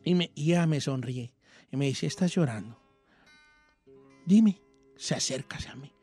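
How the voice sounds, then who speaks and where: Guy doing a high old mexican rancho dude, mexican accent, rambly funny radio storyteller. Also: normal speed, mellow, slightly rough, faint music behind. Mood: folksy storytelling. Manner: rambling, folksy, self-mocking. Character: old male Mexican rancher, folksy and comic. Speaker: radio show host.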